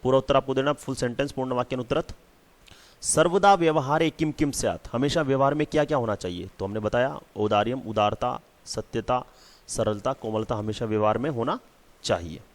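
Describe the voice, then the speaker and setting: A man's voice: medium pitch, fairly quick. A man teaching a school lesson, repeating key words and checking in with "theek hai" often.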